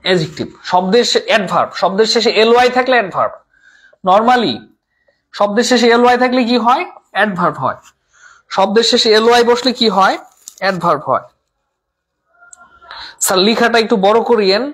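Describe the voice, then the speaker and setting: A man's voice: high-pitched, lively intonation, fairly quick, pauses often, fairly bright tone, breathy edge. A man teaching a live online class, repeating terms, asking and answering his own questions, and mixing English words into his talk. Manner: reads out viewer comments.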